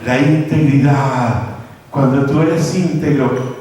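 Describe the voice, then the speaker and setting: A man preaching a sermon as pastor, his voice sweeping up and down in pitch. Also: fairly even intonation, slow pace, a little mellow. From Chile. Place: large church hall. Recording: echoey church hall, mic far off.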